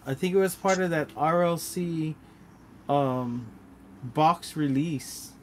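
A man chatting casually on a livestream, halting and correcting himself as he goes. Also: a little high, background noise. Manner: halting, hesitant, lots of restarts. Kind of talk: casual chat.

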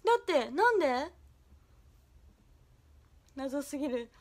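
A woman's voice: sits high, lively intonation, takes it slowly. A young woman hosting a livestream, chatting playfully and bashfully with viewers and giggling as she reads their comments. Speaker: idol livestream host.

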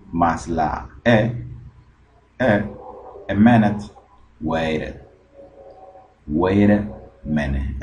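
A man's voice: deep voice, a little mellow, slight background noise. A man teaching English in a recorded lesson, explaining step by step and repeating phrases. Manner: slow, repetitive, explaining step by step.

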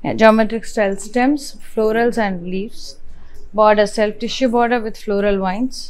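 A woman's voice: fairly high pitch, fairly even intonation, normal speed, darkish tone, a little hiss or hum, low-quality recording. Telugu-accented woman presenting a live sale. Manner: clipped item-by-item listing in short phrases. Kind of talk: live sales presentation, listing product details.

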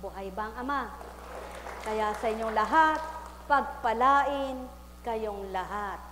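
A woman preaching a sermon, firing repeated rhetorical questions at the congregation and rising into loud exclamations. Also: on the high side, takes it slowly. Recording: echoey hall with faint hum.

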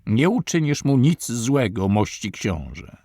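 A man's voice: mid-range voice, sing-song, unhurried, warm tone, no echo, studio quality. A man voicing a frightened young noblewoman pleading with a prince.

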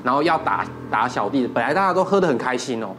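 A man, an emergency doctor, tells a story on a TV talk show in a measured but dramatic manner. He talks briskly with lively swings in pitch, and music plays behind him.

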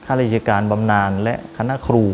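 A man's voice: lowish voice, steady tone, brisk, soft background music. A man, a school administrator, explaining the school's subjects in a plain-spoken interview manner.

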